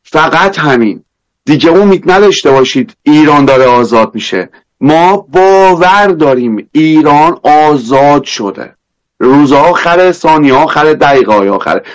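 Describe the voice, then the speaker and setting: A man speaks with an Isfahani Persian accent in a moderately high voice. He is a panel guest giving an emphatic political address to an audience. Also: lively intonation, poor audio.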